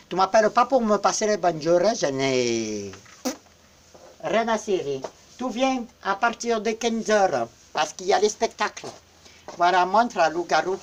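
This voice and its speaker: A woman with a lowish voice talks unhurriedly on a phone live stream from her small shop. She teases and mock-insults her viewers in a playful, joking way. Her delivery is relaxed and drawn out. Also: a little hiss or hum. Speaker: shop owner promoting a Halloween event.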